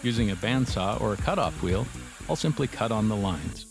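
A man's voice: fairly low pitch, animated, normal speed, vocal fry. A middle-aged man giving dry, matter-of-fact scripted narration for a metal workshop how-to, with wry asides. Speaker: metalworking instructor. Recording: voice-over with music bed.

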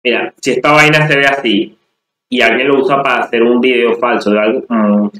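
A man's voice: medium pitch, steady tone, a little fast, fairly bright tone, poor audio. Casual male streamer reacting with crude slang.

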